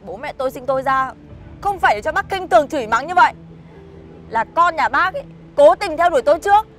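Young woman telling off her elders, high voice, rattles it off fast. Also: lively intonation, fairly bright tone, soft background music. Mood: defiant. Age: young adult. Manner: blunt, cold, firm retorts. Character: blunt, defiant young woman standing up to elders.

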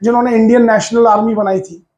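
A man's voice: sits high, flat delivery, quick pace, darkish tone. A man teaching a physics lesson at a whiteboard, emphatic and coaxing, repeating key words for his students.

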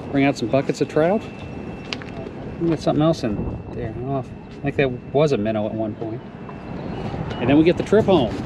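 A medium-pitched farmer walks casually through his aquaponics setup of fish and plant tanks on his farm, narrating step by step with frequent pauses and "uh"s. It's recorded outdoors on a wearable action camera, with noisy audio and running water in the background.

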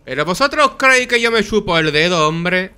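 Bright-voiced Spanish gamer with a sore throat. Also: male voice, high-pitched, lively intonation, moderate pace, clear, resonant tone. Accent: Spain Spanish. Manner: swears a lot, chatty, talks to viewers. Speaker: gameplay streamer. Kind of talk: casual gameplay commentary.

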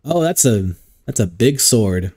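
A man's voice: lowish voice, big pitch swings, unhurried, a little mellow. A man giving crude, joking commentary while playing a video game, swearing often. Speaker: gaming streamer. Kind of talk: let's play commentary.

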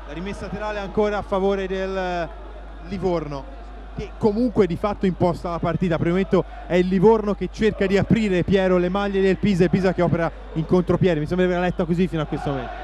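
A man's voice: high voice, a little mellow. A man giving live play-by-play football commentary from a noisy stadium. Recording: noisy stadium broadcast with crowd. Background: stadium crowd noise.

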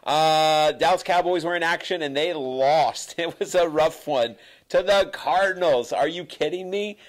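A man's voice: a little high, unhurried. A man hosting a casual sports recap, chatty and jokey, often correcting himself. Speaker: host.

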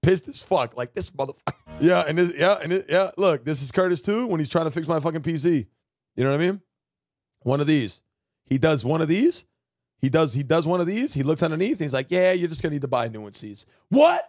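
A man's voice: on the high side, lively intonation, fairly quick, no room sound, studio quality. A man streaming live, chatting with his viewers and telling stories with lots of swearing. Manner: loud, profane, storytelling, keeps addressing chat. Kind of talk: casual live-stream chat.

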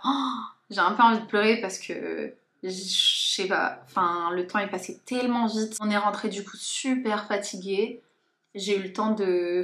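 A woman's voice: mid-range voice, a bit bright. A young woman chatting casually in a haul and unboxing vlog, informally and hesitantly, thinking aloud as she goes. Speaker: lifestyle and beauty vlogger. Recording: echoey room.

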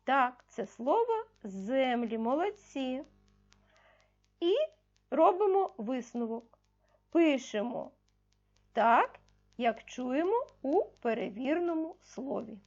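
Slow, lively-pitched woman teacher. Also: muffled recording. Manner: patient, asks questions and answers them herself; stresses key words slowly. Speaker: primary school teacher. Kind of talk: recorded video lesson for fourth graders.

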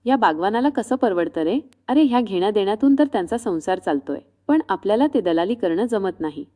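A woman's voice: lively intonation, brisk, dark tone, lightly acted. A woman voicing a weary middle-aged male vegetable seller who hawks his goods and gives folksy advice. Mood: wry. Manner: low hawker calls, folksy advice.

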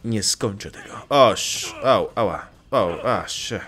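A man's voice: on the low side, expressive, slow pace, a bit bright. A young man casually commenting on his gameplay, joking, swearing lightly and talking back to the game characters. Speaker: let's play gamer.

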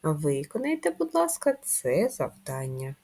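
Woman, primary school teacher, children's handwriting lesson, low-pitched, slightly husky voice. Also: wildly swooping pitch. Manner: slow, gentle and instructive, addressing young pupils.

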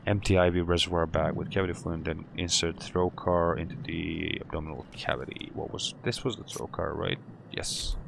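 Deep gravelly man swearing through a game. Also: steady tone, normal speed, background noise. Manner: jumpy, swearing, talking to himself and the game. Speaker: gaming channel host. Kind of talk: let's play commentary.

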